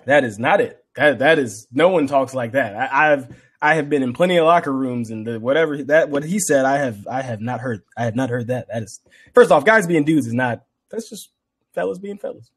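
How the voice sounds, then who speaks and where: A young man co-hosting a podcast, chatting casually and acting out bits of stories with lively swings in voice. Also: medium pitch, brisk, breathy edge. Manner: animated storytelling, acts out quotes. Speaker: podcast co-host. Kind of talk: casual chat.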